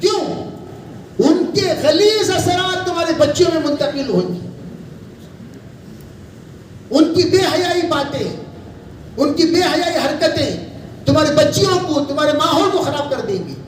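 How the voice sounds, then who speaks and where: A man's voice: very high voice, expressive, moderate pace. A man preaching a sermon to women as a mufti, admonishing and repeating his points. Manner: repetitive, admonishing exhortation. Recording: very echoey hall from a distance, faint noise.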